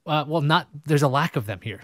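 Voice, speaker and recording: A man's voice: fairly high pitch, expressive, fairly quick, a bit bright, no room sound. Man, podcast host, casual, rambling, self-deprecating jokes, dry close sound. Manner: rambling, self-mocking, jokey. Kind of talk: casual interview chat. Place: New York.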